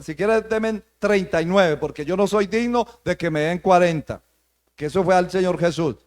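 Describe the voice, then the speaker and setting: Male preacher, high pitched, sermon delivery with frequent "hermano" and rising emphasis. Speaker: pastor.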